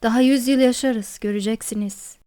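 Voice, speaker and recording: A woman's voice: a little high, fairly even intonation, moderate pace, dark tone, clean tone, no room sound, studio quality, natural voice. A woman voicing a jovial, talkative older male postmaster who speaks in a hearty, coaxing, familiar way.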